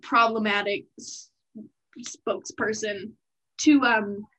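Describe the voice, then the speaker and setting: A woman's voice: mid-range voice, fairly even intonation, slow, fairly bright tone, rough recording. A young woman in a casual hockey chat, opinionated and explaining at length.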